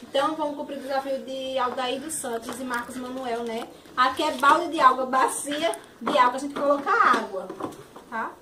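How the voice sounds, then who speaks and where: High-voiced young Brazilian woman, roomy sound. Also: normal speed. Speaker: host of a challenge video. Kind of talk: casual vlog chat, reading out challenges. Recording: roomy, distant mic, faint noise.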